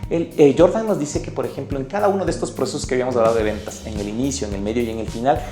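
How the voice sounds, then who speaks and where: A man's voice: medium pitch, rapid-fire, dark tone. A man presenting a sales book summary in an upbeat, emotive way, speaking straight to the viewer. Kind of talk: animated sales lesson. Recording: echoey room with faint music.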